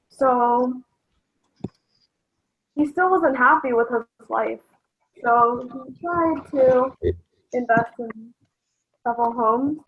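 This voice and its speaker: A woman on a video call telling a story at a memorial in a slow, measured way, heard through a laptop speaker. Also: sits high, muffled recording, a little hiss or hum. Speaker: family member at a memorial. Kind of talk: telling a story while folding paper.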